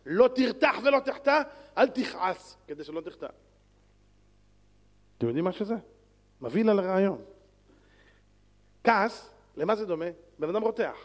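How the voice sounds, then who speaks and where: A man, a rabbi, giving a sermon in an animated, lively way, swinging between loud calls and soft pleading. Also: sits high, pauses often. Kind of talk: Torah lecture sermon. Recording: long hall reverb.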